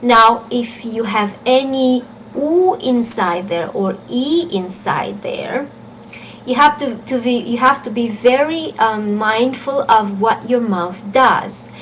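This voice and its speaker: A woman gives an online pronunciation lesson in a fairly high voice. She talks earnestly, restarts her sentences and drawls out each vowel as she shows it. A faint hiss sits behind her. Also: lively intonation, fairly bright tone, poor audio. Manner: earnest, restarts often, slows down to demonstrate vowel sounds. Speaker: French teacher.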